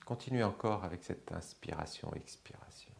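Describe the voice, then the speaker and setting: A man teaching yoga, calmly guiding a slow breathing exercise with long pauses. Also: deep voice, creaky. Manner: slow, calm, measured guidance with long pauses. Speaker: yoga instructor.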